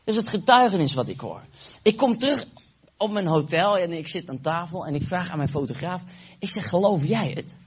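A man preaching, telling a testimony and acting out the dialogue with animated energy. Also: high-pitched, brisk, dull audio, a little hiss or hum. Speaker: evangelist preacher. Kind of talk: sermon testimony.

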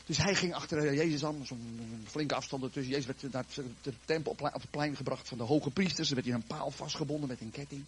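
A man preaching a sermon to his congregation, retelling a Bible story in a lively, joking way with a raspy voice. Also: medium pitch, fast talker, hardly any pauses, slight background noise.

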